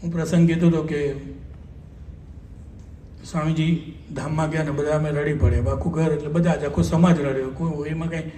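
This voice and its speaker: A man's voice: a little high, little pitch movement, moderate pace, dark tone, far from the mic. A man with a Gujarati accent, a doctor giving a devotional talk at a Sunday assembly, telling a memory in a conversational way and quoting others. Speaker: doctor recounting a spiritual memory. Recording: echoey hall, voice from afar, faint hum.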